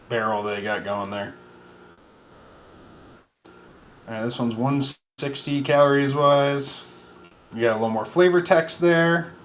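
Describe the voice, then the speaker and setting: Man chatting casually in a roomy space. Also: medium pitch. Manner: relaxed, chatty, thinking aloud with fillers. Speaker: streamer doing a taste test. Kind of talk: casual live-stream chat. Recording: roomy with faint background noise.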